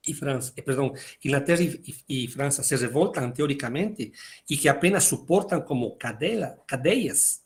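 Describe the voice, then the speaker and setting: A man giving a philosophy lecture, reading passages aloud and explaining them, often repeating words as he hesitates. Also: a little high. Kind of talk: university lecture.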